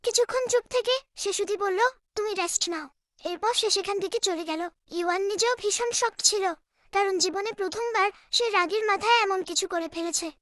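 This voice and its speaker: A woman narrating a scripted drama recap with a steady storytelling delivery. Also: very high-pitched, normal speed, no echo, studio quality.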